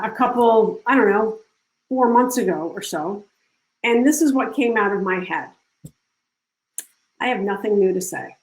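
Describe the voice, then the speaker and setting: Woman coaching on a roomy video call. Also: mid-range voice. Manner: casual, warm coaching with restarts. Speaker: workshop speaker. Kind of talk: live online workshop talk.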